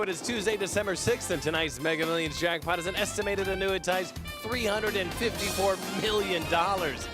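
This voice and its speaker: A man speaking as a lottery draw host, announcing numbers in an upbeat, polished, scripted presenter delivery. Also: a little high. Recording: loud music behind the voice. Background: music.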